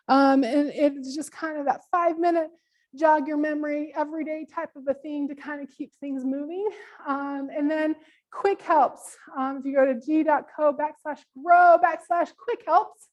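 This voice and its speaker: A woman presenting a live business workshop online, chatty and loose with lots of ums, losing her voice. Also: sits high. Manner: casual, many ums, friendly instructions.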